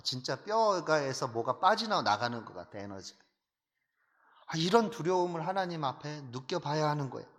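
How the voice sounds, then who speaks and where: A male pastor preaching an animated sermon, full of rhetorical questions and emphatic repetition. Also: on the high side. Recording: long hall reverb.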